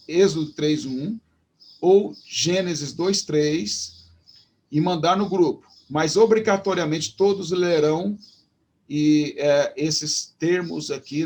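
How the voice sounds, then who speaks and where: Husky-voiced Brazilian man teaching a lesson. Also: on the high side. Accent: Brazilian Portuguese. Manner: explanatory, with many fillers and restarts; slows down to pronounce Hebrew words. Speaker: Hebrew teacher. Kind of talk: online lecture.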